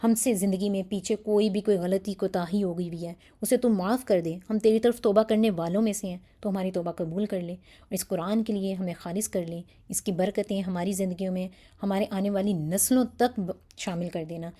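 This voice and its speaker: A woman's voice: medium pitch, fairly even intonation, dark tone. A woman teaching a Quran lesson in Urdu with a Pakistani accent, speaking earnestly and with feeling, mixing in English words. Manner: earnest, pleading, acts out examples.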